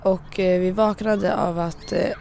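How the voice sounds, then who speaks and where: A teenage girl, a friend of the victim, retelling a night's events in a colloquial, animated way, often quoting herself and others. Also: on the low side, gravelly, a little hiss or hum. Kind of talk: casual recounting.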